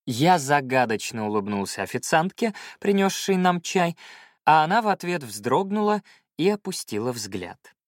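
A man reading a first-person story aloud with expressive, wry storytelling. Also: fairly high pitch, normal speed, no room sound, clean studio sound. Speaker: audiobook narrator. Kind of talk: scripted first-person narration.

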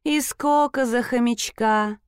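A woman plays a bossy young woman who haggles without mercy in an audiobook. Her lines are short, icy and commanding, pitched a touch high, in a dry, close sound. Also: slow, clear, resonant tone, no echo. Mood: haughty. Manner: curt, cold and commanding.

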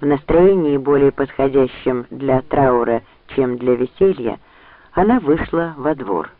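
A man narrating an audiobook in an expressive reading style. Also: medium pitch, a little slow, no room sound. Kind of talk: scripted narration. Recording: dry, tinny phone-like sound.

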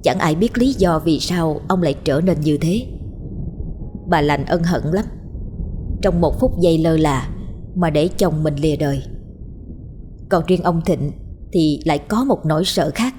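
A woman narrating a horror story in a measured, suspenseful storytelling manner. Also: low-pitched, mellow, a little hiss or hum.

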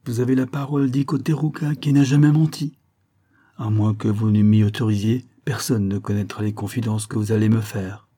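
Male reader as a shrewd storybook detective, calm, measured, kindly, dark tone. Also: on the low side, close to an everyday voice.

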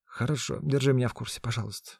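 A man's voice: medium pitch, fast talker, creaky, darkish tone, husky, no echo, pitched above the performer's own voice. A man voicing a frightened, tearful young pregnant woman who pleads in a trembling voice. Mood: weary.

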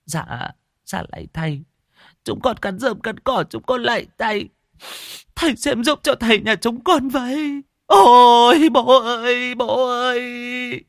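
A man's voice: very high-pitched, a little slow, dry recording, clean studio sound, pitched above the performer's own voice. A man voicing grown daughters who weep and humbly plead for their dying father. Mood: wailing pleas.

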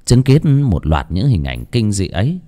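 Brief: male audiobook narrator, warm, dark tone, highly animated delivery. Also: normal speed. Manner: expressive storytelling with wide swings in pitch. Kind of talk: scripted horror story narration. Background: faint music.

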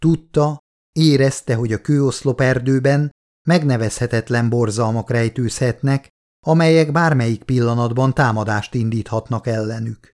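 A man reading an audiobook aloud, narrating in a measured, dramatic storytelling manner. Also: medium pitch, fairly even intonation, darkish tone. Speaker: audiobook reader. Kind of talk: scripted narration.

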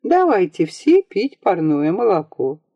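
A calm, kindly lady of the house , read by a woman, speaks softly in a mellow voice. The audiobook sound is dull and lo-fi. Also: mid-range voice, measured pace, dry recording. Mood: gentle. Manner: soft, calm, gently reserved. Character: gentle, sad, kindly noblewoman mother.

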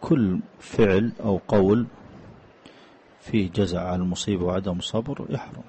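A man giving a religious lesson in a large mosque, reading out questions and then explaining each one deliberately. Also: sits low, warm tone, breathy edge, poor audio. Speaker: mosque teacher answering questions.

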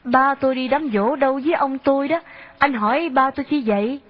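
A woman reading an audiobook, voicing an earnest, worried young woman who asks soft, pleading questions. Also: sits high, fairly quick, pitched above the performer's own voice, natural voice. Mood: gentle. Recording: dull lo-fi audio.

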